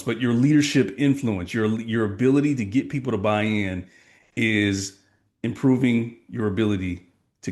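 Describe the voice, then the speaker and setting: His voice is mid-range with a darkish tone. This middle-aged sales coach from Texas answers podcast interview questions emphatically and motivationally, often asking rhetorical questions.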